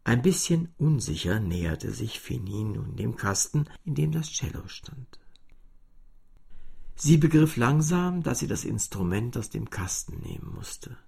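Guy reading a kids story, slow and lively, husky gravelly voice, drops to whispers. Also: mid-range voice.

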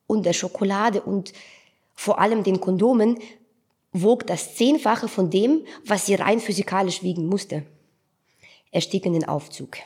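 A woman narrating a story in a calm, intimate reading style. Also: medium pitch, slightly rough. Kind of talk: audiobook reading.

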